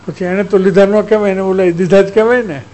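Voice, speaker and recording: High-voiced man giving a spiritual discourse. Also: steady tone, quick pace, warm tone, a little hiss or hum, poor audio. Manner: storytelling, acts out exchanges, chuckles. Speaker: spiritual teacher.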